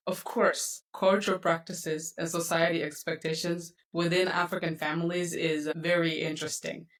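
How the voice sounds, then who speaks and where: A woman from Congo hosts a casual podcast conversation, her voice a little lower than most and set slightly back from the microphone. She laughs easily between her lines. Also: far from the mic. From Democratic Republic of Congo. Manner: laughs often while talking. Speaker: podcast host.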